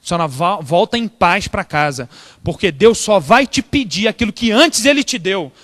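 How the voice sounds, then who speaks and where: A Brazilian pastor preaches in a strikingly high, bright voice. He tells his story animatedly and keeps asking the congregation questions. His voice rings with the long reverb of a church hall. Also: moderate pace. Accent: Brazilian Portuguese. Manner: animated, acts out dialogue, asks the congregation questions. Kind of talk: storytelling sermon.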